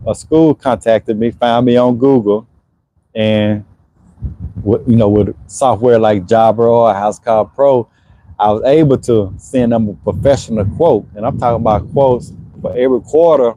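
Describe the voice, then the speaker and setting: A Houston-area man in his forties who runs an HVAC business chats casually on a livestream, answering viewers in a laid-back, conversational way and often saying "you know what I'm saying." His mid-range voice has a dark tone and moves at a normal speed, and the recording is rough.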